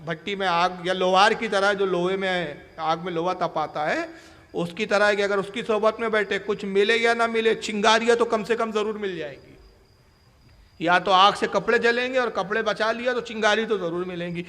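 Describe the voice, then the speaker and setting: A man's voice: sits high, fairly even intonation, bright, forceful tone. A man preaching a sermon in an emphatic, challenging way. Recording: echoey hall reverb.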